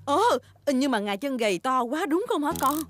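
A woman voicing a calm, kindly mother pig in a cartoon dub, with a gentle motherly manner. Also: sits high, normal speed, over loud music. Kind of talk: cartoon dubbing.

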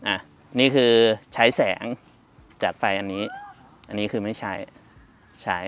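A man's voice: lowish voice, unhurried, fairly bright tone, a little hiss or hum. A man giving a casual, rambling gadget review, chatty with frequent fillers and laughs.

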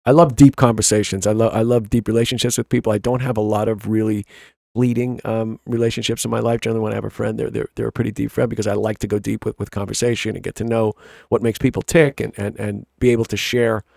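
Gravelly fast-talking Long Island man. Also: on the low side, level tone, darkish tone, no room sound, studio quality. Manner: rambling, restarts often, reflective. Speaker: podcast co-host. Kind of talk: casual book club chat.

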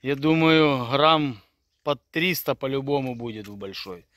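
This middle-aged angler vlogs his outing beside a river on an arm's-length phone, chatty and stumbling, often muttering to himself. His medium-pitched, fairly bright voice has lively intonation and a slightly slow delivery.

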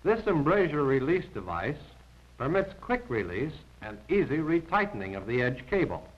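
On a muffled, band-limited 1940s film soundtrack, a man narrates a scripted military training film with formal, precise instruction. His somewhat high voice has a sing-song quality at a moderate pace, and the narration was recorded separately from the images.

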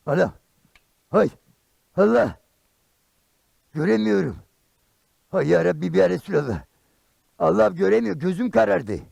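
A man voicing Karagöz, a blunt, quick-tempered common man in a traditional shadow puppet play, firing off rhyming comebacks. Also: no room sound, full character voice. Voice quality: gravelly and high. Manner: loud, rhyming comebacks, exclamations.

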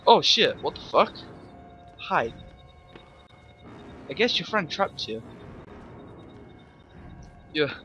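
A man's voice: a little high, dull audio. Jumpy young man playing a horror game. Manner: jumpy, swearing, laughing, yelling when startled. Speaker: gameplay commentator. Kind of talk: let's play commentary.

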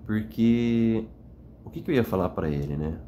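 A man with a lowish voice talks to the camera late at night, earnest and wandering, often checking with the listener. He sounds worn out after a long day of crying. A faint hum of room ambience sits behind him. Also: lively intonation, unhurried, mellow. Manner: earnest, rambling, frequent "né?" tags. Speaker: vlogger. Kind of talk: emotional reflective monologue. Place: indoors, at night.

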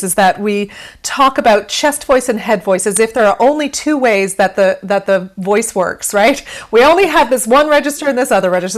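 A woman guest on an interview, explaining singing technique in a conversational way, with frequent fillers and easy laughter. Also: mid-range voice. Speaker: vocal pedagogy specialist guest.

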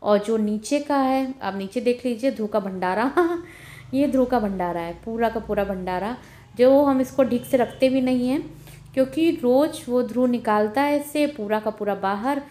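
Holding her phone camera as she walks, a young woman gives a homely, chatty house tour of a small rented flat, both indoors and on the balcony. Her voice sits on the high side with a dark tone, and she talks at a moderate pace as a home vlogger.

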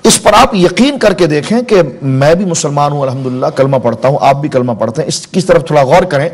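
40s guy in a tv studio, slightly high voice, talks faith with lots of examples, measured. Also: expressive, breathy edge. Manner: measured, explains with examples and anecdotes. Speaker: religious scholar guest. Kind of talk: studio interview, spiritual teaching.

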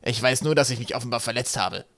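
A man voicing a loyal, gruff male flathead sailor who speaks plainly. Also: medium pitch, fast talker, no room sound.

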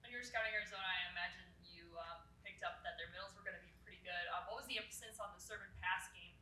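A woman's voice: on the low side, rapid-fire, sharp tone, recorded from a distance, a little hiss or hum. A woman reporter asking long, wandering questions with fillers at a press conference, heard off-mic. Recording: roomy, from off-mic.

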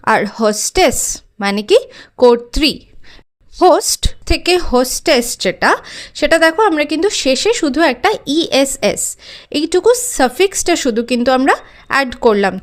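A woman teaching English grammar, asking and answering her own questions and spelling words out letter by letter. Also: high voice. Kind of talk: explaining grammar with examples.

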